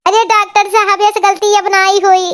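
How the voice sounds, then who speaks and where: Anxious older village mother voiced by a woman, shrill pleading tone. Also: flat delivery, normal speed. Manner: wailing, pleading. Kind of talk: cartoon voice acting.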